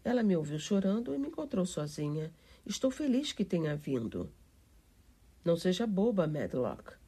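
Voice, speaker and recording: A woman's voice: fairly low pitch, sing-song, moderate pace, mellow, breathy edge, full character voice. Woman reading as a sickly, bossy young boy. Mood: commanding. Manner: bossy, insistent. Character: sickly, imperious young boy, used to command.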